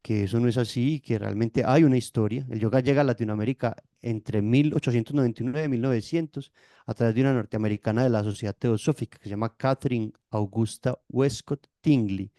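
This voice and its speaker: A man speaks in a lecturing yet conversational way, his voice dark and mellow. The sound is dry and close, with no room around it. He keeps checking in with short tag questions as he explains. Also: medium pitch, fast, no room sound. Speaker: yoga teacher, guest. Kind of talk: explanatory interview talk.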